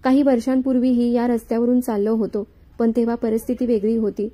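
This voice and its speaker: A woman narrating a scripted first-person story in a steady, earnest reading voice. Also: fairly high pitch, fast.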